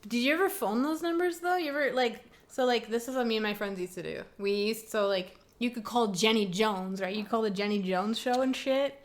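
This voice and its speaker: A young woman from Canada co-hosting a podcast, telling animated stories in casual chat, swearing freely and laughing often. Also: a little high, fairly quick, few pauses. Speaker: podcast co-host.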